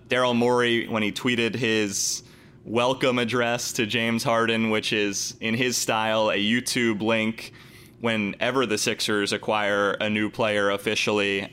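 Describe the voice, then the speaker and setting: A man co-hosting basketball talk, giving enthusiastic commentary in measured phrases. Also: lowish voice, sharp tone, clean tone. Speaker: sports show co-host.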